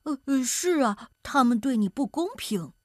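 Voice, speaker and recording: A woman's voice: high voice, expressive, normal speed, dry recording, studio quality. A woman voicing a timid male rat who stammers nervously in a children's storybook. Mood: agreeing. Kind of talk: storybook voice acting.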